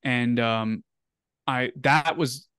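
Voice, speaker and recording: A man's voice: medium pitch, extremely slow, fairly bright tone, clean tone, dry recording, studio quality. A young man telling a story as an interview guest, casual and rambling, full of "like" and "um". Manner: rambling, filler-heavy, "like" and "um" often.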